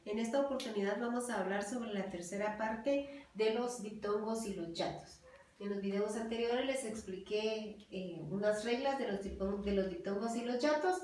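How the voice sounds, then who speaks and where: A woman teaching a grammar lesson to students in a slow, patient way, stressing key words. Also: fairly high pitch. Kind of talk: classroom lesson explaining grammar rules. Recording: very echoey room, voice far from the mic.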